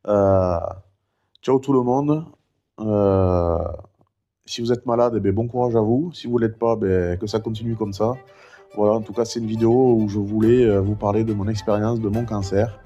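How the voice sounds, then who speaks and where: A middle-aged man talking casually in a vlog, rambling and chatty with many fillers; one vocal cord is impaired, so he has no high head voice. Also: fairly even intonation, moderate pace, mellow, muffled recording, soft background music. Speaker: vlogger recounting his cancer.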